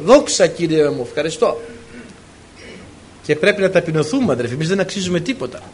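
A man's voice: fairly high pitch, a little hiss or hum. A man preaching a sermon to his congregation, telling stories with emotion and acting out the dialogue. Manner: emotional storytelling, acts out dialogue.

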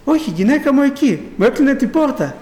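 A very high-pitched man with a darkish tone and big swings in pitch gives a rambling personal faith testimony at church. This middle-aged speaker keeps repeating "I say" as he retells his story, and the hall carries a long, echoing reverb.

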